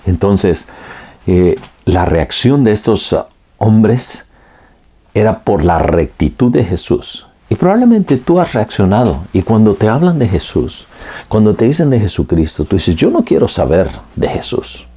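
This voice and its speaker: A man's voice: on the low side, very animated, a little slow, mellow, husky. A male pastor preaching a sermon, earnest and direct, speaking to the listener as a friend with repeated phrases. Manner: repetitive preaching cadence.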